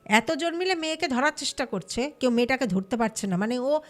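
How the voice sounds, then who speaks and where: A woman telling a true ghost story casually, lively and acting out the people she quotes. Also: high voice, brisk. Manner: lively, acts out quoted voices. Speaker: storyteller guest.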